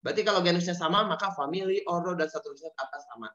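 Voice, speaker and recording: Racing along in a high voice with a fairly bright tone, an Indonesian man teaches science online. He hammers the key terms repeatedly and keeps posing questions to his students, and the sound is dull and lo-fi, like a video call.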